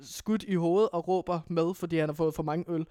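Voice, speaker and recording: A man's voice: fairly high pitch, steady tone, warm tone, smooth, dry recording. A young man co-hosting a comedic radio show, dry and needling as he complains about his partner. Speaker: radio co-host and researcher. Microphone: studio microphone.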